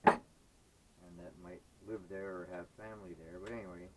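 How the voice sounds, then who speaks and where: A man's voice: deep voice, steady tone, normal speed, a little hiss or hum, poor audio. A man, chatting casually and rambling with hesitant fillers while he sorts scrap metal. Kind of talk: casual chat while working.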